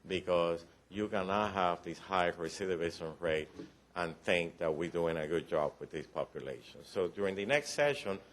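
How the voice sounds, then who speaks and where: At normal speed, a man with a Cuban accent and a very low, deep voice presents a formal briefing to county commissioners in their meeting room. He explains things patiently, restarts phrases frequently, and adds a touch of humor.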